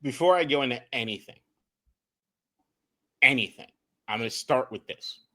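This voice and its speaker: A young man co-hosting a casual sports podcast, with a bright, forceful voice. He talks in an animated way, swears freely, and stumbles over restarted words as he breaks down game film. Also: mid-range voice, moderate pace. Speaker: podcast co-host and film analyst.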